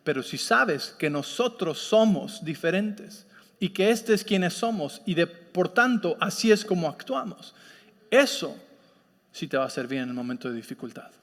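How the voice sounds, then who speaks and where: Pastor con acento mexicano, voz alta, predica conversando, eco largo de iglesia. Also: male voice, fairly high pitch, sing-song, moderate pace. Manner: conversational, asks listeners often if they follow. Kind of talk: sermon with personal story. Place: church sanctuary. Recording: long reverb of a church hall.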